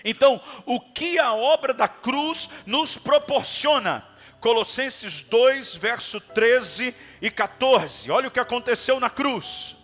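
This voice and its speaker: High, bright-voiced man preaching a sermon. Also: animated, takes it slowly, faint music behind. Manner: preaching with shouted exclamations and calls to the congregation. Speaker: pastor. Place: church.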